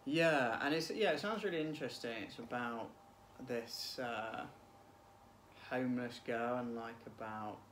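A man in his twenties, a PhD student appearing as a guest on a book vlog, chats casually about books in a hesitant, thoughtful way, letting phrases trail off. His mid-range voice is fairly bright and a little slow. It's recorded in a small room at home, and the recording is clearly noisy.

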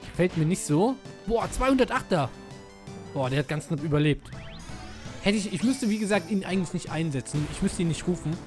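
Ein lässiger Mann kommentiert sein Spiel mit eher heller, stark auf und ab springender Stimme und wirkt dabei schnell begeistert. Im Hintergrund läuft leise Spielmusik. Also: male voice, sits high, brisk. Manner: casual, excitable. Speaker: let's player. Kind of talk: gameplay commentary. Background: game music.

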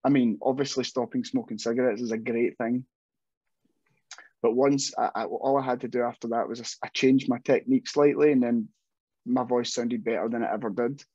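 Speaking at a brisk clip, this young metal vocalist has a medium-pitched, husky, darkish voice with fairly even intonation. He's doing a relaxed video-call interview indoors at home, wandering through his answers with frequent restarts and jokes at his own expense, over dull, dry audio with no room sound.

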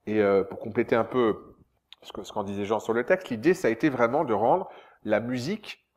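A man, a stage director and translator, giving a public lecture in a lively, expressive way. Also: mid-range voice, a little fast. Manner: animated, expressive speaker who sometimes sounds out rhythms. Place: lecture hall.

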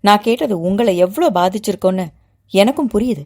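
A calm grown man who never rushes a word, as a woman storyteller puts him on. His speech is steady and measured, with a pitch that moves freely and a middle-height tone. A patient, unruffled adult in an audio novel. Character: calm, composed grown man asking to be guardian.

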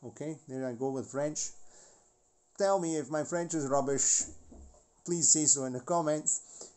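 Rambling mellow-voiced man in his forties. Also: fairly high pitch, measured pace. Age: 40s. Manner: rambling, with frequent restarts and asides. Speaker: model railway channel host. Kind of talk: casual hobby talk about a model locomotive.

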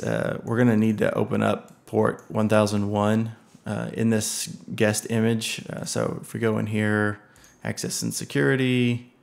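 Unhurried and easygoing, a man presents a casual screen-recorded software tutorial, talking through the setup as he clicks. He thinks aloud in a low, heavily gravelly-fried voice, and ums and uhs pop up often.

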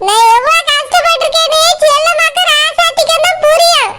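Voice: very high-pitched, steady tone, a little fast. A performer voicing a stubborn, scheming older village mother-in-law in a cartoon, speaking with a Tirunelveli Tamil accent in a defensive, pleading way. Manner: defensive, pleading, talks at length. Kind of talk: cartoon voice acting. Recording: loud background noise.

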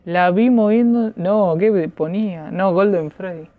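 Tinny, narrow audio carries a man's high voice at a measured pace. The speaker is a gamer giving relaxed let's play commentary with a Rioplatense Argentine Spanish accent; he uses slang, swears, and yelps whenever something scares him.

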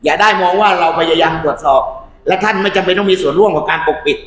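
A man speaking as a civic activist, forceful and rhetorical. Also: sits high, fast talker, echoey room, a little hiss or hum. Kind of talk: impassioned civic talk.

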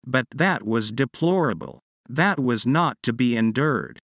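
A man reading a literary short story aloud as a measured narrator, slowing on key phrases. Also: mid-range voice, expressive, fairly bright tone, no echo, studio quality. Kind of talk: scripted audiobook narration.

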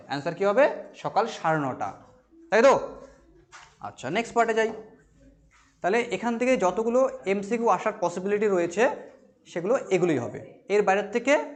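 Brief: high-pitched man, Bengali accent, teacher drilling a class through quiz answers. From West Bengal, India. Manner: asks questions and answers them himself; reads English lines slowly, then explains. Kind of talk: exam-prep class lecture.

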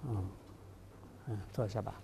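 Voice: deep voice, steady tone, unhurried, creaky, warm tone, slightly rough. A middle-aged lecturer giving a classroom lecture, full of fillers, who repeats key phrases and stretches out terms for emphasis. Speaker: university lecturer.

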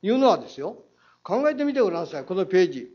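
A man's voice: high voice, sing-song, racing, a little mellow. A man questioning the mayor on a city council floor, combative, with a Saga accent, rhetorical challenges and quoted passages read aloud. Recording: dull lo-fi council chamber audio.

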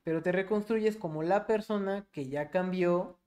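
A young man with a Mexican Spanish accent, a podcast co-host in casual chat, telling a story with lively, swear-filled animation. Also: high voice, normal speed.

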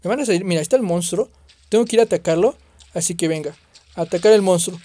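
A man doing excitable let's play commentary on a horror game, exclaiming and swearing at the scares. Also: sits high, racing, dry recording. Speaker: gaming youtuber.

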